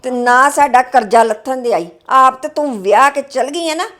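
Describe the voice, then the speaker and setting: A woman playing a young wife with a high, voice, fretting over money. She complains sharply and sounds worn down by worry. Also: a little fast. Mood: irritated, complaining. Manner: sharp, complaining, then weary and low. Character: stressed young wife worried about debts. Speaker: daughter-in-law character.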